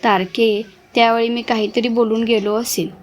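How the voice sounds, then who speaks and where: A woman's voice: fairly high pitch, little pitch movement, normal speed, noisy background, natural voice. A woman reading the part of a brusque elder brother who tells his sister to stop crying. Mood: gruff. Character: gruff but softening elder brother, man.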